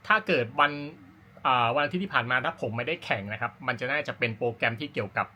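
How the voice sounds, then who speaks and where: Male vlogger, medium pitch, sharp bright voice, informal and rambling amateur-runner chat. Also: lively intonation, fast talker. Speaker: amateur runner hosting a running vlog. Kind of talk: casual talk to camera about personal routine.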